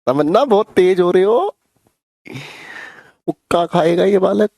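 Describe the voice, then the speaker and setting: A man teaches grammar in a chatty, teasing way, calling out to his students by name. His voice sits a little high but sounds mellow and warm. The room is small and dry, with no echo. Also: animated, a little slow. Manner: chatty, teasing, addresses students as beta and bhai. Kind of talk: live online class.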